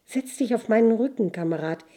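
A woman reading aloud voices an evil spirit, speaking low and calm. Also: fairly quick.

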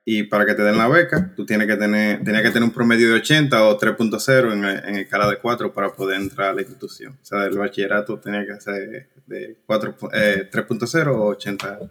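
Dominican guy in his 30s, kinda low voice, talks loose with lots of restarts. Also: steady tone, fairly quick, few pauses, a bit bright. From Dominican Republic. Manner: conversational, frequent restarts and fillers. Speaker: guest, cloud engineer. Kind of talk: casual interview chat.

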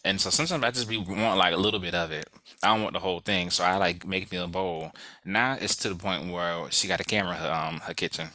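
A man on a podcast telling a short story in a relaxed, slightly hesitant way. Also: sits low, fast talker, no room sound. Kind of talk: casual chat.

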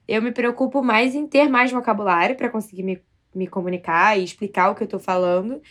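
A woman's voice: mid-range voice, steady tone, brisk, a bit bright. A Brazilian woman co-hosting a casual podcast, telling stories in a bold, self-mocking way. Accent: Brazilian Portuguese. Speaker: podcast co-host.

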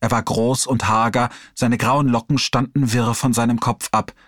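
A man reading an audiobook chapter aloud in a steady storytelling delivery. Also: mid-range voice, normal speed, no echo, studio quality. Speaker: audiobook reader. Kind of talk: audiobook narration.

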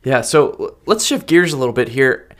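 A man hosting a casual podcast, relaxed and agreeable as he puts questions to his guest. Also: mid-range voice, moderate pace. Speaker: podcast host.

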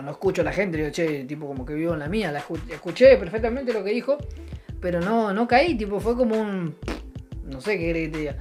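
A young comedian with an Argentine Rioplatense Spanish accent tells a rambling stand-up story, sarcastic and offhand, full of restarts and fillers as he chuckles at his own jokes. His voice is high-pitched with a darkish tone.

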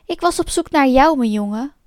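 A woman voicing an old, gentle woodcarver father in a storybook reading, speaking warmly and emotionally. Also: sits high, animated, moderate pace, no echo, clean studio sound. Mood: earnest. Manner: warm, emotional.

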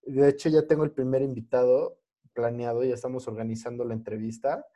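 Slangy Mexican man, mellow, mixing in English words. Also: medium pitch, level tone, fairly quick. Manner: slangy young urban Mexican speech with English words mixed in. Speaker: podcast host. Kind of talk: casual podcast chat.

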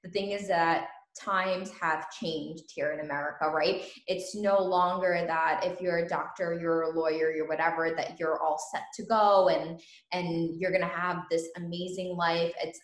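A woman host born in Ukraine, chatting casually in an interview and laughing often. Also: lowish voice. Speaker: podcast host. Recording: echoey room.

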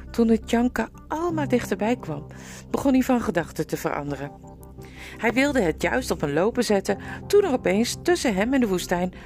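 A woman's voice: medium pitch, darkish tone. A woman narrating a storybook expressively, with vivid storytelling. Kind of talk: storybook reading.

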